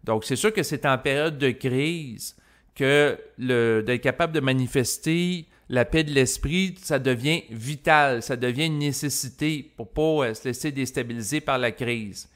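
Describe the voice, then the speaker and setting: With a Quebec French accent and a mid-range, fairly bright voice, this man from Quebec, Canada, muses aloud in an unscripted monologue for his spiritual self-help listeners. He hesitates often, circles around his point and takes long lead-ins.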